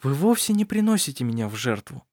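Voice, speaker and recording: A man doing a calm, soft-spoken young woman. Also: mid-range voice, fast, dry recording, studio quality. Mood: calm resolve. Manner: soft, hushed and steady. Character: young woman, calm, strong-willed daughter.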